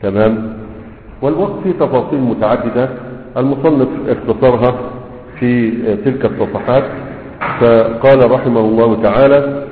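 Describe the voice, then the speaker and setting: A man teaching a grammar class as a sheikh. He reads a passage, explains it patiently, and keeps checking that his students follow. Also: medium pitch. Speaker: sheikh teaching Arabic morphology. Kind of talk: classroom lesson, reading a text and explaining it. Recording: tinny, phone-like sound in a long echoing hall.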